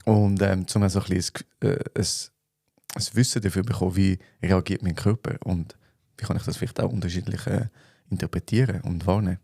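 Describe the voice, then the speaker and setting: A man with a Swiss German accent, co-hosting a podcast, explaining things in a relaxed way with plenty of fillers. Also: deep voice, brisk, vocal fry, breathy edge, no room sound, clean studio sound. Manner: relaxed, thinks aloud with fillers. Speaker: podcast co-host. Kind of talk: casual chat.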